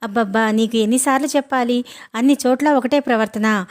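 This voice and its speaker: A woman's voice: a little high, fairly quick, lightly acted. A woman voicing a harried middle-aged mother who scolds her grown son, in a storybook reading. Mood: exasperated.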